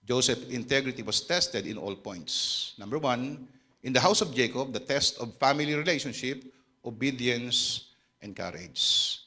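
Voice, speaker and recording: A man with a Filipino accent preaching a sermon, telling a story dramatically and dropping to a hush for quoted lines. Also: mid-range voice, animated, measured pace.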